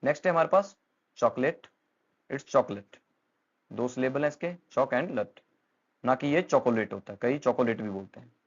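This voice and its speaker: A man's voice: mid-range voice, lively intonation, brisk, muffled recording. A man with an Indian accent teaching English pronunciation, talking patiently and repeating words with frequent fillers. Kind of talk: explanatory lesson in Hindi mixed with English.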